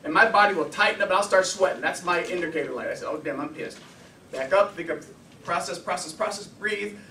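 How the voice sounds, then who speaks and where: A man teaching an informal anger management class, talking in a lively, conversational way and acting out the voices of the people he quotes. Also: sits high, fairly quick, slight background noise. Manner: animated, conversational, acts out quotes. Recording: echoey room, voice from a distance.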